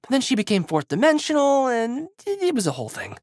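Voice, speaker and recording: A man voices a plucky, goofy teenage boy hero for a video game, his very high voice swooping wildly in pitch at a quick pace. The heavily acted lines are upbeat, chatty and slangy with exuberant surfer-dude boyishness, recorded at studio quality with no echo.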